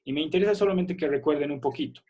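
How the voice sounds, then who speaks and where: A man's voice: a little high, rapid-fire, darkish tone, slight background noise. Patient male teacher on a video call. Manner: patient, checks understanding with "¿ya?". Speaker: primary school teacher. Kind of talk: online class explanation.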